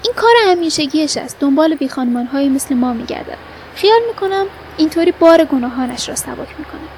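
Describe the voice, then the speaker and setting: A woman's voice: high voice, a little mellow, slight background noise, rough recording. A woman voicing a blunt homeless man who presses his friend with hard questions in a storybook reading. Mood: reproachful. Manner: probing, reproachful.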